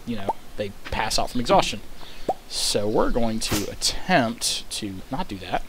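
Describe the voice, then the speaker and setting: A let's play host, a young man with a lowish voice, gives casual, rambling commentary on his game, thinking out loud and swearing casually. The recording is very noisy, with video game music in the background, and he's indoors in a small room at home.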